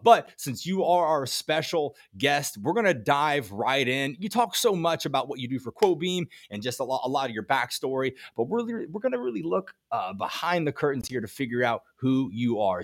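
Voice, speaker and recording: Male podcast host, slangy hype man, voice pitched a touch high. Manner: hyped, slangy, upbeat. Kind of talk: live podcast interview.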